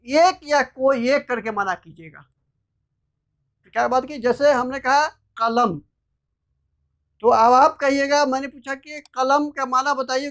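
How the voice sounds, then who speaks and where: A man with a high voice teaches a grammar lesson over a video call. He speaks slowly and patiently. He says each letter and word more than once so his students can follow. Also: fairly bright tone. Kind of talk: online class lecture.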